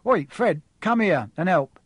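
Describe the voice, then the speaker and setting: Brief: man reading as teasing twin boys, alternating two voices, bright upward lift, dry close sound. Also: high-pitched, animated, measured pace, breathy edge, dry recording, pitched above the performer's own voice, heavily acted. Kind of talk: audiobook reading.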